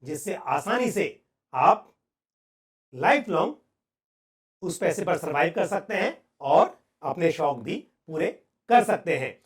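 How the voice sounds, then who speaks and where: High-voiced Indian male finance explainer. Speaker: personal finance presenter. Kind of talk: explanatory lesson to viewers.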